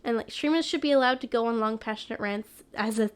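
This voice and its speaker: A young woman with a stuffy nose chats and rambles on a live stream from home, trailing off and laughing often. She speaks fast in a smooth, slightly high voice.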